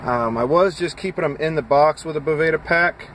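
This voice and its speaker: A man in his thirties, a truck driver, chatting casually and haltingly with lots of fillers while tired and a bit scattered, filmed on a phone at arm's length in his parked cab. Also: a little high, a bit bright, slight background noise. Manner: rambling, halting, with frequent fillers. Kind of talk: casual vlog chat. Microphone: phone camera at arm's length.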